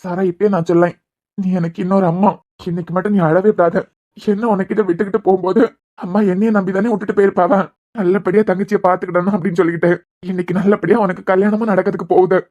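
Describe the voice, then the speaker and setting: A woman voicing a gentle elder brother with Kanyakumari accent. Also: medium pitch, steady tone, quick pace, highs cut off, natural voice. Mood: tender. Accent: Kanyakumari Tamil. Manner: soothing, tender. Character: caring adult elder brother. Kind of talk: cartoon web series voice acting.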